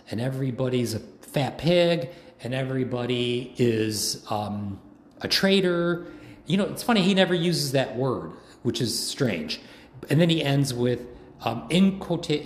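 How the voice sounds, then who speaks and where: A hoarse man giving a rambling, indignant political monologue, full of ums and uhs. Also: medium pitch. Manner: rambling, indignant ranting with many fillers. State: hoarse from long talking. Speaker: political commentator. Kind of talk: casual monologue. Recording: echoey room, faint background noise.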